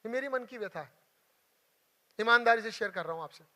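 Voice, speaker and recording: Young male motivational speaker, very high bright voice, earnest and emotional, long hall reverb. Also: animated, fairly quick. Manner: emotional, earnest, repeats for emphasis. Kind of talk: motivational storytelling talk.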